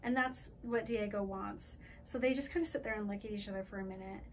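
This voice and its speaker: A woman co-hosting a podcast, chatting casually and retelling a story with lively bursts of character voices. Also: mid-range voice, slight background noise, rough recording. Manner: animated storytelling, slipping into quick voices for the characters. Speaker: podcast co-host. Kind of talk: casual book-club chat.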